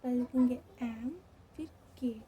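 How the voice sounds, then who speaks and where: A woman's voice: fairly high pitch, flat delivery, mellow, lo-fi sound, slight background noise. A woman with a Hindi accent teaching shorthand, walking through each step and checking in often. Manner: slow, repeats each step, checks in with "theek hai". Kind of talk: step-by-step lesson.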